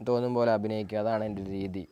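Fast-talking vlogger man. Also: lowish voice, fairly even intonation, warm tone, clean tone, muffled recording. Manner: chatty, interviewing family members, advice to creators. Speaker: family vlog channel host. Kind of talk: casual family vlog chat.

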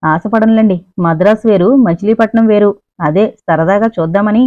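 A woman voicing a playful, pampered rich young woman who talks in a lively, teasing way. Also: mid-range voice, moderate pace, no room sound, lightly acted. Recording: dry, narrow phone-like sound.

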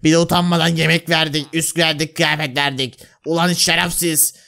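A man voicing a cruel, gloating male jailer who serves a king, talking slowly and bossily in a game role-play. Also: fairly high pitch, little pitch movement, vocal fry, pushed and bright, voice pushed down. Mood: angry. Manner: slow, menacing and bossy.

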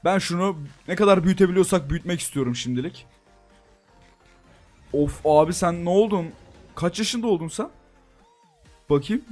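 An excitable young man chats through his gameplay in casual let's-play commentary, often breaking into exclamations as he talks to his viewers. His voice sits a little high for a man. Faint music plays underneath. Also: normal speed, pauses often. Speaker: gaming YouTuber.

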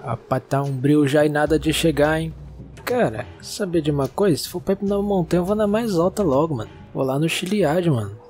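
Man, young adult, Brazilian accent, excitable gaming commentary, slightly high voice, soft music behind. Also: brisk. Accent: Brazilian Portuguese. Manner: excitable, exclaiming and talking to game characters. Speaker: gaming YouTuber. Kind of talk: let's-play commentary.

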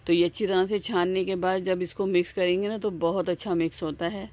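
This cooking channel host speaks briskly, her fairly low voice a little mellow and her intonation fairly even. She gives casual step-by-step cooking instructions in a chatty, repetitive style, with many "aa" fillers and restarts.

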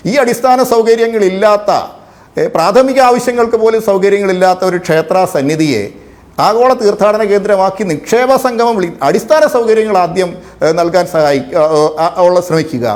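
High-voiced man arguing on a TV debate. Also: normal speed. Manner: forceful, rhetorical questions, frequent hesitations. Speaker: debate panelist. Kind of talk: televised political debate.

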